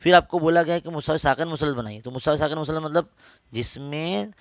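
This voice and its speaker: A man's voice: fairly high pitch, fast, no room sound. A man with an Urdu accent, a maths teacher patiently explaining geometry step by step to students, repeating each point.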